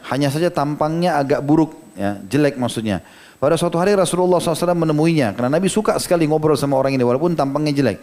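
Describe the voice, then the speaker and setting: A slightly high, darkish male voice carries a storytelling sermon from an Indonesian Islamic preacher. He talks conversationally, putting each quote into plain everyday words and often tossing in "ya" and "gitu."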